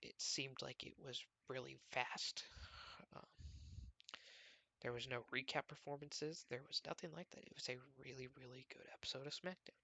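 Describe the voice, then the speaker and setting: A man's voice: mid-range voice, steady tone, moderate pace, vocal fry, sharp tone. A man hosting his own sports show from home, recapping casually in a rambling, conversational way. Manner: rambling, conversational, filler-heavy.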